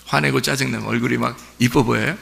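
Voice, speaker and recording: A man's voice: medium pitch, steady tone, fast, creaky, fairly bright tone. A male pastor preaching a sermon in a conversational way, often putting rhetorical questions to his congregation. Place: church sanctuary during Sunday service. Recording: long church reverb.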